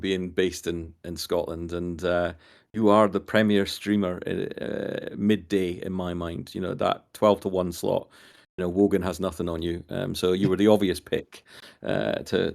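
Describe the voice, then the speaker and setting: A man's voice: low-pitched, creaky. A man, a team captain, chatting casually on a stream, rambling with many repeated words and hesitations.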